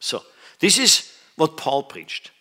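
A man's voice: fairly high pitch, huge pitch swings, slow pace, pushed and bright, husky. A man from Switzerland preaching a sermon, stressing his points and often asking the audience whether they understand. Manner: emphatic, questions the audience often.

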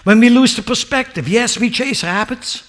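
A man preaching a sermon as pastor, emphatic and rising to near-shouts, firing rhetorical questions at the congregation. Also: very high voice, moderate pace.

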